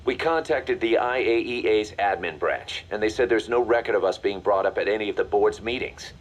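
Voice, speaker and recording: An actor playing a mercenary second-in-command in a video game, briefing in a confident, matter-of-fact, commanding way. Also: male voice, lowish voice, a little fast, close to an everyday voice. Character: brisk, hard-nosed male mercenary second-in-command. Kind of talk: video game voice acting, mission briefing dialogue.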